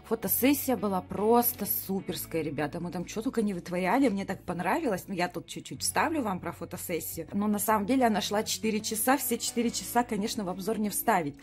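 A woman's voice: mid-range voice, fast talker, few pauses, a little mellow, soft background music. A woman in her late thirties chatting enthusiastically as she reviews herbal teas at a table, filmed from above. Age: 30s. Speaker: product reviewer. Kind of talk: casual product review. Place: bright room at a table.

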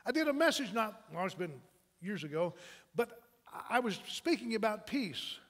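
A man with a high-pitched voice preaches a sermon from the pulpit, telling stories in a loose, conversational way and often restarting his sentences. His voice rings out with a long reverb, as in a large church sanctuary. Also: very animated, moderate pace, a bit bright. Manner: conversational and anecdotal, with frequent restarts. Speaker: pastor.

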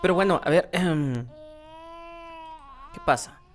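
Low-voiced woman narrating gameplay. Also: takes it slowly. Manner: rambling, many fillers and restarts; talks to viewers as "chicos". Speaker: gaming channel host. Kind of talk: casual gameplay commentary.

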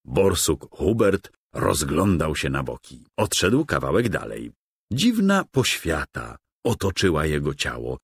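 A man narrating a children's game story in a calm, gentle storytelling manner, recorded as a dry close studio voice-over. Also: rumbling low, a little slow, breathy edge, no room sound.

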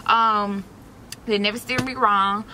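Young woman w/ talking to her viewers from her car, bright highish voice, faint hum behind. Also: fairly even intonation, slow pace. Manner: chatty, slangy, talks straight to viewers. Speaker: vlogger. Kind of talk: casual chat while doing a face mask. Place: inside a parked car. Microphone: camera close in front.

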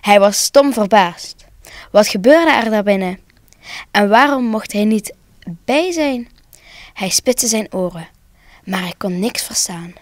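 A woman reads a children's Christmas tale aloud in a calm, expressive storytelling voice. Her pitch sits in an ordinary middle range. The recording is close and dry with no room sound. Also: slow pace, pauses often, no room sound. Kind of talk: children's story reading for broadcast.

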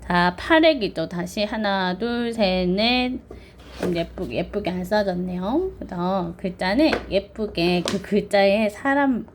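A woman's voice: medium pitch, lively intonation, unhurried, a little hiss or hum. A woman teaching children online, patiently counting strokes aloud and drilling pronunciation.

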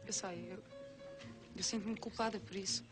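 An actress playing a gentle, forgiving young bride in a television soap, tender and sincere, with a European Portuguese accent. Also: female voice, mid-range voice, fairly even intonation, moderate pace, music in the background, natural voice. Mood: tender, apologetic. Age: young adult. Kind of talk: television soap drama acting.

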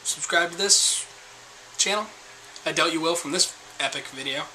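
Bright-voiced young man rambling to camera. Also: fairly high pitch, normal speed, slight background noise, poor audio. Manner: rambling, self-deprecating. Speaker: vlogger. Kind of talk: casual chat to camera. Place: small room indoors.

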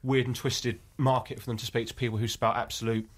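Fast-talking jokey man from Essex. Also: medium pitch, flat delivery. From Essex, England. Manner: jokey, rambling, self-mocking. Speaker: guest, spoof news writer. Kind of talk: casual interview chat.

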